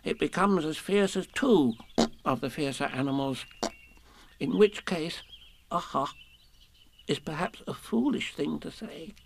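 A man voicing a small, timid male piglet, soft and hesitant, with nervous pauses. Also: on the high side, expressive, vocal fry, slight background noise, pitched above the performer's own voice.

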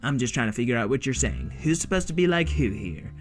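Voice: medium pitch, big pitch swings, fast, faint music behind, natural voice. A storyteller voicing a laid-back young robot who says like, uh and dude a lot. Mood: glum. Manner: slacker talk, full of like and uh.

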